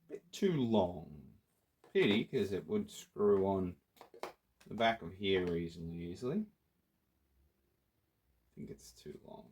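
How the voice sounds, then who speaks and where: This casual workshop tutorial has an Australian prop maker chatting playfully to viewers while he builds a theatre prop. His voice sits low with a darkish tone and lively intonation, at a measured pace with frequent pauses and slight background noise.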